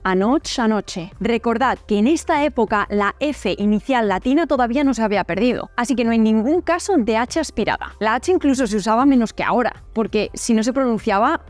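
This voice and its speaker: A woman with a Spain Spanish accent narrates a scripted lesson on pronunciation. Her voice sits fairly high, and she explains clearly, sounding out each example. Faint music plays under her. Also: animated, brisk, few pauses. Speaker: language teacher in a video.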